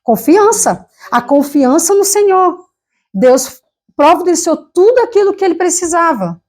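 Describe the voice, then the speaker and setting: A woman's voice: very high voice, animated, a little slow, darkish tone. A woman from Brazil with a Brazilian Portuguese accent, preaching a fervent, emotional sermon with personal testimony at a church service. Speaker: lay preacher.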